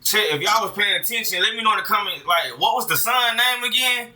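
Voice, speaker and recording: Man, casual reaction commentary, bright sharp voice, a bit away from the mic. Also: sits high, a little fast, recorded from a distance. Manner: talks straight to chat, slangy and animated. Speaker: streamer reacting to a video.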